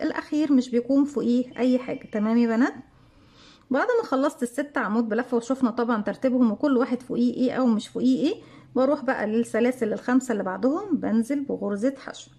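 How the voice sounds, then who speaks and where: Quick-talking Egyptian woman teaching crochet. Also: fairly high pitch, dark tone. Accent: Egyptian Arabic. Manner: talks herself through steps, counts stitches aloud, asks and answers her own questions. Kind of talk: step-by-step tutorial narration.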